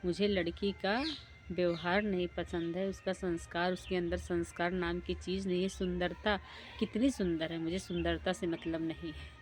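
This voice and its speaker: A woman voicing a calm, principled young man who speaks quietly and firmly. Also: high-pitched, normal speed, lightly acted.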